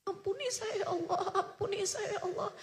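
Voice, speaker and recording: A woman's voice: very high-pitched, fairly quick, a little hiss or hum, voice pushed up. A woman acting out an elderly male cleric who weeps and pleads in repentance, sobbing as he repeats himself. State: crying. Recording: reverberant hall.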